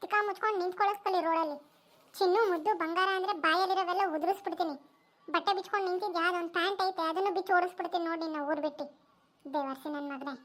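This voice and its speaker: A woman voicing Rukku, shrill fiery village girl. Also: steady tone, racing, a bit bright. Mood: furious. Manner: scolding, abusive outbursts. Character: fiery young village woman, sharp-tongued. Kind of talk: cartoon voice acting.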